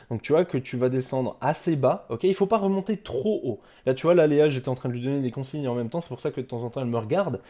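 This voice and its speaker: A man's voice: on the high side, dark tone. A man, a fitness coach explaining an exercise casually to the viewer, with many fillers and restarts.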